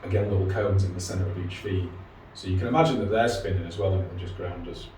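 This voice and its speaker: A man with a very low voice guides a calm grounding exercise in a casual, conversational way. He often checks in with short questions. He is recorded at a distance in a heavily echoing room. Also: quick pace. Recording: distant, very echoey room with faint noise.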